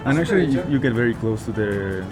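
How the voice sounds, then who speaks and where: A man from Ecuador, casually recommending places as a local guide outdoors in a city. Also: medium pitch. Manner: relaxed, explaining with pauses and "uh". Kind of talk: casual conversation. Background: background music.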